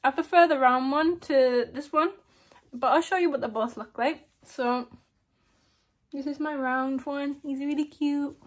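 High-pitched and steady, this young woman talks at a measured pace to her camera in a small room. A lip plate gives her a slight lisp, and she giggles occasionally during the casual vlog chat.

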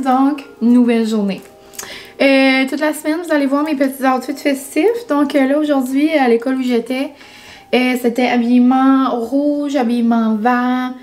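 Young woman, Quebec French accent, casual vlog chat with many fillers, higher voice, faint music under. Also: darkish tone. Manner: chatty, many fillers, mixes in English words. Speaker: vlogger.

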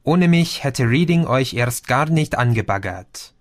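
A man voicing a calm young man who reports events in a matter-of-fact way. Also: medium pitch, a little slow, close to an everyday voice.

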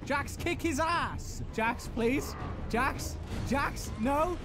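Brash woman streamer, shouty and profane, unhurried between outbursts. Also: high voice. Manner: loud, crude, laughing, panicky outbursts. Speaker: gaming YouTuber. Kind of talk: profane gameplay commentary. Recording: game audio and music behind. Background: game music.

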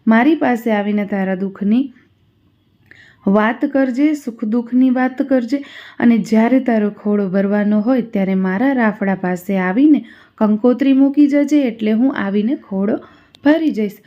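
A woman voicing a kindly, motherly female cobra goddess in a folk tale, gentle and reassuring, on a dull lo-fi recording. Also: on the high side, normal speed, close to an everyday voice.

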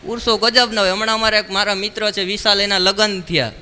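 A male stand-up comic, his voice high and very bright as he fires off quick jokes and calls out to the crowd. It is a live stage microphone recording in a large hall, with a long reverb tail. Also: fairly even intonation, a little hiss or hum. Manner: punchy joke telling, quick call-and-response to the crowd. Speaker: stand-up comedian. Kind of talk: live stand-up comedy show.

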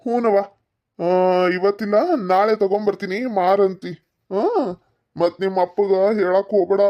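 Casting: cartoon uncle from North Karnataka, sly plotter, mid-pitched, dry, someone voicing him. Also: moderate pace, no room sound, muffled recording, natural voice. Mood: coaxing. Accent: North Karnataka Kannada. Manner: conspiring, smooth-talking. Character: scheming grown man uncle, stepmother's brother. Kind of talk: cartoon voice acting.

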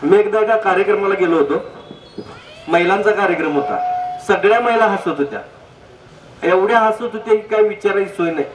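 A man's voice: sits high, brisk, pauses often. A man giving a humorous public talk on health, full of anecdotes and direct questions to the audience. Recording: echoey hall, distant mic, faint noise.

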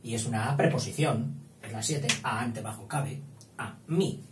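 Man dictating, roomy echo. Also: mid-range voice. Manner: slow, spelling out words, playful asides. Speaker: teacher. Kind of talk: dictation lesson. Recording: echoey room, distant mic, faint hiss.

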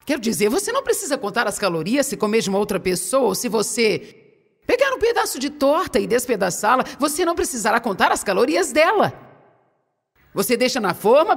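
A woman with a Brazilian Portuguese accent preaching to an audience in a large hall, playful and animated as she tells stories. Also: sits high, breathy edge. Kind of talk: sermon, humorous storytelling. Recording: long hall reverb.

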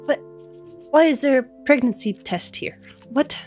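A young streamer with a cough-stuffed voice chats and laughs through casual let's-play commentary on her headset at home, reacting aloud in a giggly way. Her voice sits high with a darkish tone and an unhurried pace, and soft music plays behind her.

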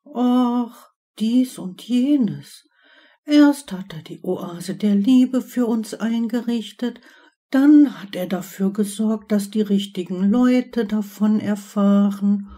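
A woman voicing a dreamy, languid teenage witch who speaks slowly. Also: medium pitch, warm tone.

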